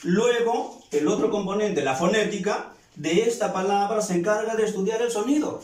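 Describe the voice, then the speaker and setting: A man's voice: high voice, moderate pace, darkish tone. A male teacher giving a grammar lesson to students, explaining step by step and asking questions he then answers. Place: classroom. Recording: echoey room, voice far from mic.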